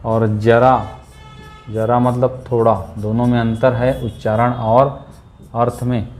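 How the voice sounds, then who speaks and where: A man's voice: mid-range voice, little pitch movement, measured pace, a little mellow, faint music behind. A man teaching an exam-prep lesson, repeating key words and checking in often with his students.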